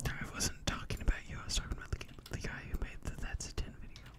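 This livestream commentator whispers breathily like an ASMR creator, delivering lines with playful, deadpan announcer flair, and moves along quickly.

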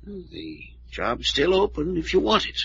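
An actor playing a stern, proper older attorney in a 1940s radio drama, heard through an old AM radio broadcast with a muffled sound. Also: male voice, fairly high pitch, wildly swooping pitch, measured pace, vocal fry, a bit bright, slightly rough, exaggerated voice. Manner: formal, reproving. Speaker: family attorney.

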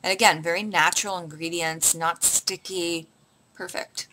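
Bright-voiced chatty woman vlogger. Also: fairly low pitch, steady tone, normal speed, slight background noise. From Canada. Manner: chatty, with many fillers and restarts. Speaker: beauty vlogger. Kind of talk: casual chat answering a tag questionnaire.

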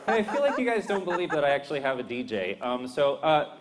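A man's voice: on the high side, very animated, fast. A man doing a live stand-up set on stage, chatty and awkwardly self-deprecating. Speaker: stand-up comedian and variety act. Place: TV comedy stage before a live audience. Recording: live audience crowd noise.

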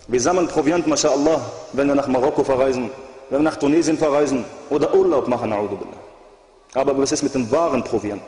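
A man's voice: mid-range voice, darkish tone. A man preaching an impassioned sermon, firing rhetorical questions and weaving in Arabic phrases. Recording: echoey hall reverb.

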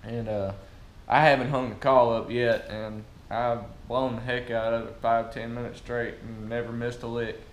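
A man's voice: medium pitch, little pitch movement, moderate pace. A man in his thirties with a Southern US accent, giving a casual product review to camera in a workshop. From southern United States. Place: large metal-roofed workshop or garage, indoors. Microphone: camera at about arm's length or farther. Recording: echoey metal-roofed room with noise.

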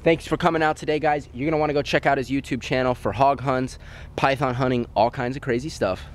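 A young man hosting a vlog outdoors beside beehives, talking excitedly and emphatically to camera in a casual style. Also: mid-range voice, fast talker. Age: young adult. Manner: exclaiming, emphatic, repeats superlatives. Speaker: vlog host. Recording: noisy outdoor camera audio.

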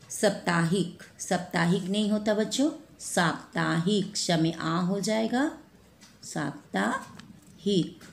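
A woman teaching a spelling lesson to children, repeating each word slowly and correcting mistakes one by one. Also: fairly low pitch, a little mellow. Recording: echoey room with faint ambient noise.

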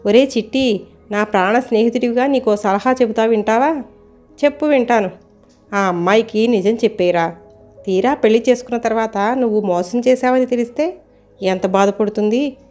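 A woman reading an easygoing young man from a storybook, teasing and calm as he gives advice. The voice sits fairly high. Soft music is faint behind. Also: moderate pace, lightly acted.

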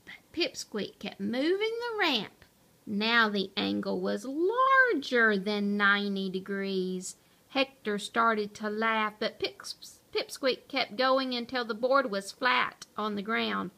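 A woman reading a children's picture book aloud with expressive storytelling. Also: medium pitch, takes it slowly, creaky. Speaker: storybook reader.

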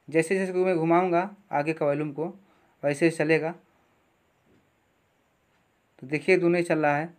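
A man teaching electronics repair, explaining each wiring step slowly and with a lot of repetition at his workbench. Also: a little high. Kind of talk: hands-on repair tutorial.

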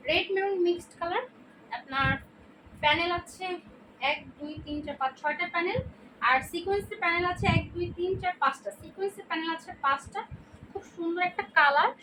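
High-voiced Bangladeshi woman selling dresses. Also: a little fast. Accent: Bangladeshi Bengali. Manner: chatty, repeats prices and colors. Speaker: online clothing seller. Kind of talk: casual product showcase. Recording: distant mic with noisy background.

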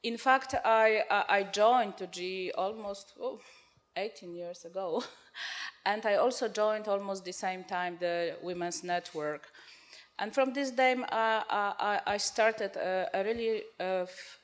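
A woman's voice: mid-range voice, measured pace. Earnest woman panelist, handheld mic. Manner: earnest, repeats words when searching. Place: conference hall with audience. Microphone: handheld microphone.

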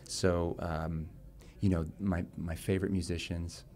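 Low-voiced chatty man, pre-show interview. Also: little pitch movement, measured pace, a little mellow. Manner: chatty, self-deprecating, laughs often. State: choked up at times. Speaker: singer being interviewed. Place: club venue before a show.

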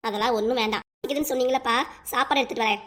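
A woman voicing a gentle young daughter who pleads softly with her father in a cartoon. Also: fairly high pitch, fairly even intonation, rapid-fire, natural voice. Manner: pleading, soft.

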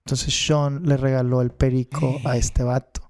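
A young man with a gravelly Mexican Spanish accent tells a story on a podcast. He talks loosely and with plenty of slang, laughs often, and acts out the voices of the people in his story. His pitch sits in an ordinary middle range. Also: flat delivery, moderate pace, dark tone. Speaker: podcast guest. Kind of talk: casual storytelling.

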